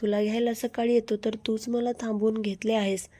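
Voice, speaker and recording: A woman's voice: fairly high pitch, level tone, fairly quick, mellow, lightly acted. A woman voicing a brazen man who speaks in an insistent, coaxing way. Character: brazen pushy man, friend of husband.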